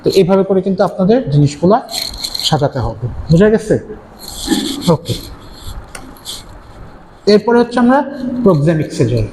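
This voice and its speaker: A man's voice: high voice, sing-song, normal speed, long pauses, warm tone. A male university lecturer giving a classroom lecture, switching between Bengali and English and checking in with frequent tag questions. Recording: echoey hall, faint ambient noise.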